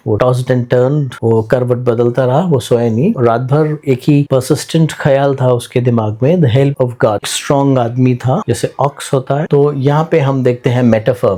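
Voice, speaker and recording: Male English teacher, dark mellow voice, reads text slowly, then explains in a mix of two languages. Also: mid-range voice. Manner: stresses pronunciation and word roots. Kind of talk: bilingual classroom-style lesson explaining a textbook story.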